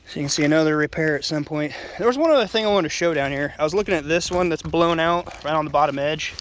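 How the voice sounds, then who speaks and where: Up on the roof of a house, a roofer presents his own video, explaining hands-on work in an informal, unscripted, plainspoken and rambling way. His congested nose makes his voice nasal, and it runs on the high side, quick and fairly bright. A little hiss or hum is audible.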